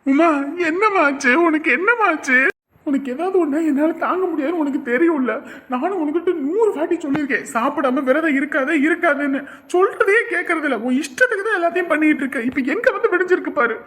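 A woman's voice: high-pitched, animated, quick pace, fairly bright tone. A woman doing a fussing young village husband. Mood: worried. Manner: exasperated, fussing, pleading. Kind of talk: cartoon voice acting.

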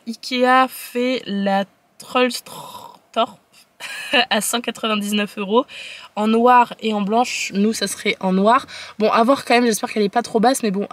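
A young woman chatting casually to camera as a lifestyle vlogger, rambling and thinking aloud to her viewers. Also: medium pitch. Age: young adult. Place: home living room, car and furniture store.

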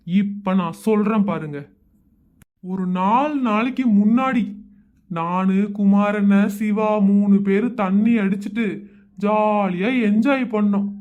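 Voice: mid-range voice, narrow, tinny audio, lightly acted. A performer voicing a young husband in a Tamil cartoon, grumbling and sarcastic about his in-laws. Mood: addressing viewers. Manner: grumbling, sarcastic, quick complaints.

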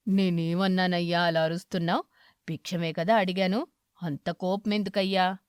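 A gentle old male eagle beggar from a cartoon story, with a deep, low voice, as a woman narrator puts him on. He speaks slowly and softly and pleads for food. The recording is dry and close. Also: fairly even intonation, clean tone, no room sound, close to an everyday voice. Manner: slow, soft-spoken and pleading.

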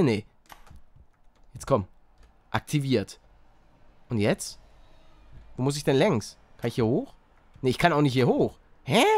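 A young man doing excitable Let's Play commentary, yelping at failures and mixing in English slang. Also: medium pitch, no echo. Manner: excitable, shouts and yelps at failures; mixes English slang into his talk. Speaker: gaming YouTuber.

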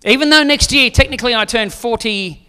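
His voice is very high, fast, pushed and bright yet smooth. The man, in his forties, is a pastor giving a sermon on a church stage with a handheld mic, where he jokes with the audience and then presses them with questions.

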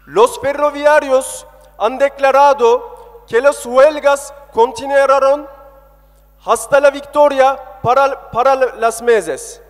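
Speaking at a public meeting, this high-voiced activist delivers a political rally speech from a lectern mic that feeds the PA. His tone is steady and his pace slow, yet the oratory is declamatory and passionate in short bursts, ringing through an echoey hall with a long reverb tail.

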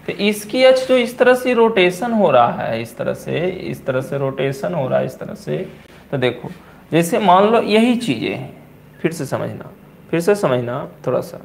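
A man with a Bihari accent teaching physics in a coaching classroom, repeating key terms slowly and asking and answering his own questions. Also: a little high, very animated, gravelly, a little hiss or hum. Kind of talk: classroom lecture at a board.

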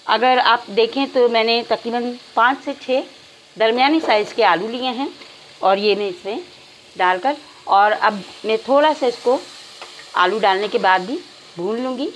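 Woman cooking host, fairly high voice, calm instructional home-kitchen narration, faint sizzle behind. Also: unhurried, a little hiss or hum, low-quality recording. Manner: calm, instructional, addresses viewers directly. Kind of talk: step-by-step recipe narration.

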